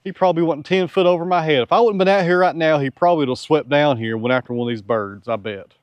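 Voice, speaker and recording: A man's voice: fairly high pitch, fast, smooth, no room sound, lo-fi sound. A tired man answers viewer questions in an easygoing, folksy, frank way, outdoors on a farm. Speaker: sawmill owner and channel host. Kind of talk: casual Q&A with viewers.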